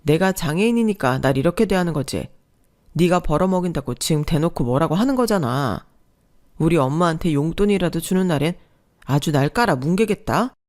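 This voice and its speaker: A sulky, self-pitying husband whines and makes excuses, as a woman reads his lines. The voice stays lowish and plain, hardly changed from the reader's own, in a radio drama. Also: animated, a little fast, darkish tone. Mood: defensive. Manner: defensive, whiny.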